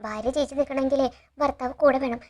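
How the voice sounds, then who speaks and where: A woman's voice: high-pitched, steady tone, quick pace, a little mellow. A woman casually retelling a TV serial episode in a chatty way, quoting the characters' lines and adding frequent tag words. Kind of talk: casual storytelling recap.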